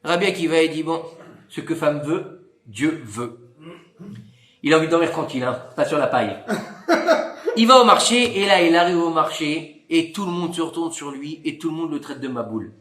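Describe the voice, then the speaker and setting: Speaking a little fast in an echoey room, a Torah teacher animatedly narrates a story for his class, voicing the characters' lines with wide swings in pitch.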